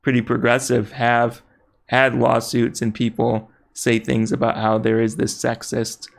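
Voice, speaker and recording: A man's voice: medium pitch, completely flat delivery, unhurried, vocal fry. A man co-hosting a casual political podcast, thinking aloud hesitantly and laughing easily. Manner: hesitant, many fillers and restarts, laughs easily. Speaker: podcast co-host.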